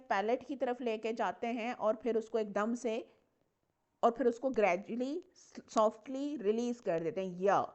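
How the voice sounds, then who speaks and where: A woman's voice: fairly high pitch, darkish tone. A woman teacher, giving a patient step-by-step lecture on English consonants and repeating example words. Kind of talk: classroom lecture mixing Hindi and English. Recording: muffled lo-fi recording.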